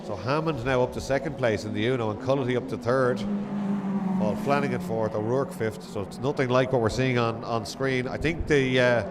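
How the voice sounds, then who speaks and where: Over loud car engines and outdoor trackside noise, a man delivers live motorsport commentary, following race positions with hesitant asides where he corrects himself. His voice sits at a medium pitch and moves at a moderate pace.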